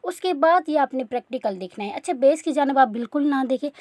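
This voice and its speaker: This woman talks fast with lively intonation in a high but darkish voice, giving casual makeup-class instruction. She keeps it chatty, repeatedly saying "theek hai" and checking on her listeners; there's no echo.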